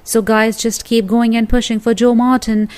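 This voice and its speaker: A woman with a somewhat high voice reads scripted news narration as the channel's host. Her delivery is steady and even, every sentence read out in the same measured way.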